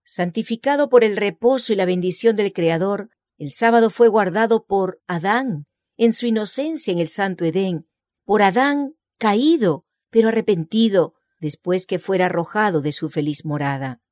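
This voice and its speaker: Female reader, mid pitch, steady and solemn scripted narration, dry close recording. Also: no echo. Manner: measured, solemn reading with scripture citations. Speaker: reader of a religious book.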